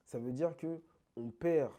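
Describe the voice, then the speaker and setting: A man being interviewed about dance, talking in an animated, emphatic, slangy way. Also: a little high, measured pace. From France. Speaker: interview guest, krump dancer. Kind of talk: casual conversational interview.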